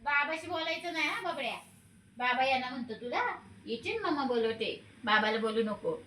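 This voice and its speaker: High-voiced woman cooing at a cat. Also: lively intonation, moderate pace, echoey room, recorded from a distance, slight background noise, low-quality recording. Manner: soft, cooing talk to a pet. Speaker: cat owner. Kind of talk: home pet video, chatting with a cat.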